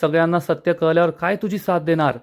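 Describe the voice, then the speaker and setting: A man's voice: fairly high pitch, fairly even intonation, fast, natural voice. A man voicing a hot-tempered, scornful young husband from a TV serial, snapping in irritation. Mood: irritated.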